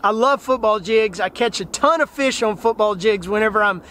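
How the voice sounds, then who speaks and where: A man's voice: high-pitched, normal speed. A man, talking casually and eagerly to the camera about fishing, outdoors by a river. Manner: enthusiastic, plain-spoken, animated hand gestures. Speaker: fishing channel host.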